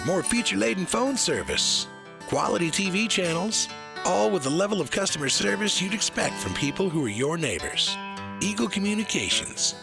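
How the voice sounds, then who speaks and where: A man's voice: high-pitched, gravelly. A man reading a scripted commercial in a friendly, salesy delivery. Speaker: commercial announcer. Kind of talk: scripted ad read. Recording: voice-over on guitar music. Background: guitar music.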